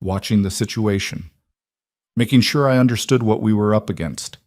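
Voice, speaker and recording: Low, firm cowboy voiced by the narrator, clipped commands, protective. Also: male voice, normal speed, a little mellow, no echo, clean studio sound, natural voice. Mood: steady. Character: steady, protective frontier cowboy man.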